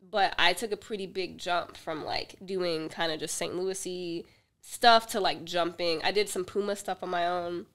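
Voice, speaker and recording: A woman director chatting as a podcast guest, telling animated stories and acting out the other people in them. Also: lowish voice, normal speed. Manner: animated storyteller who acts out dialogue with laughs. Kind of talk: casual podcast chat. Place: podcast studio.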